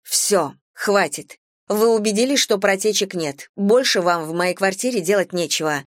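A woman's voice: medium pitch, moderate pace, dry recording, close to an everyday voice. A woman voicing a restrained young woman, speaking dryly and curtly. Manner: dry, clipped.

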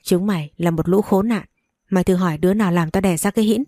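A fierce young mother from a storybook village, voiced by a woman reader, snapping out threats and scolding with a mellow, dark tone. The sound is close and dry. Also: fairly low pitch, fast, dry recording, natural voice. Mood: furious.

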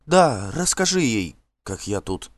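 A man's voice: mid-range voice, sing-song, takes it slowly, dry recording, clean studio sound. A man reading the lines of a proud young woman who reproaches a friend for breaking his word. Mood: subdued.

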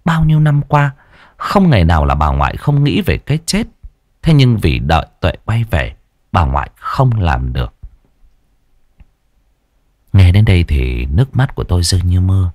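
A man narrating a dramatic horror audiobook in an expressive storytelling manner. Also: deep voice, moderate pace, pauses often, no room sound, clean studio sound.

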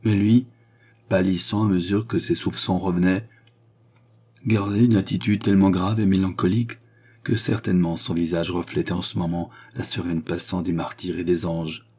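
A man narrating a classic novel as an audiobook in a measured, even storytelling manner. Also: deep voice, husky.

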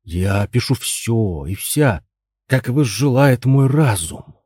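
A man's voice: medium pitch, expressive, takes it slowly, mellow, husky, no room sound, clean studio sound. A man voicing an arrogant poet husband who declaims grandly in a story reading. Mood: grandiose. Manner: self-important, declaiming. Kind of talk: audiobook dialogue reading.

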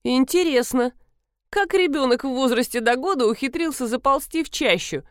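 A woman's voice: high-pitched, lively intonation, normal speed, no room sound, voice pushed up. A woman voicing a sardonic young man who makes dry, mocking asides.

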